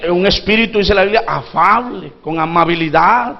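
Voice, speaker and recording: With the highs cut off, the recording captures a high-pitched man with vocal fry preaching at normal speed. This Honduran pastor calls out for congregational responses and imitates the pleading voices from the parable.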